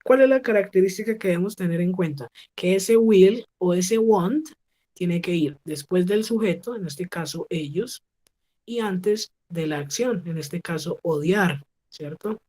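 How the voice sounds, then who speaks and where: A woman teaching an English class over a video call. She models each phrase slowly and keeps checking with her students. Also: on the low side, warm tone. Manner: patient, slow model pronunciation with frequent check questions. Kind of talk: online class instruction.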